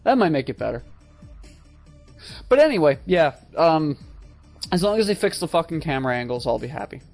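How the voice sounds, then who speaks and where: A man with a fairly high voice and a lively, swinging delivery co-hosts a gaming show. He jokes and rants casually, swearing often. Faint music sits behind his talk. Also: brisk, gravelly. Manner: animated, sweary ranting and joking. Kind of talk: casual video game banter.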